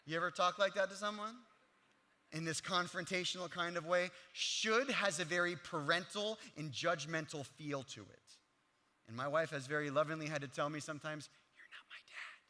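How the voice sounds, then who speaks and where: Bright-voiced male pastor in a reverberant hall. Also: fairly high pitch, normal speed. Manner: earnest, plain-spoken, animated, with conversational fillers. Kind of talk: conversational sermon. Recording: long reverb of a large hall.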